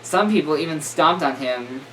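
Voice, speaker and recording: Guy reading a creepy story out loud, trips on words a lot, bouncy voice, kinda far from the mic w/ some hiss. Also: fairly high pitch, animated, moderate pace, faint music behind. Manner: stumbling, self-correcting, joking asides. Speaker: reader. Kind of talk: reading a horror story aloud. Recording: distant mic with faint room noise.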